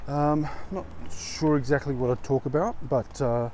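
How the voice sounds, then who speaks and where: An Australian man vlogging casually in a halting, unhurried way while walking outdoors in strong wind, with wind on his lavalier mic. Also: medium pitch, darkish tone. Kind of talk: casual rambling vlog talk. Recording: wind on mic, gusty noise. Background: blustery wind.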